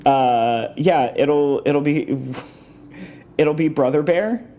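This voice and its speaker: A man talking as a podcast guest in casual chat, playful and quick to laugh, with many hesitant fillers. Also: on the high side, dark tone.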